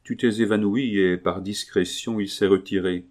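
A gentle, devoted young woman tending a sick friend, soothing and coaxing, her voice kept soft and unhurried, as a male reader does her slightly raised. The tone stays low and calm beneath it all, read from a storybook. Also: natural voice.

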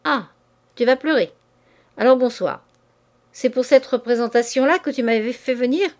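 A woman reading a novel aloud, giving voice to a brusque, scornful young man who talks roughly and impatiently. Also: on the high side, animated, moderate pace, close to an everyday voice. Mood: harsh.

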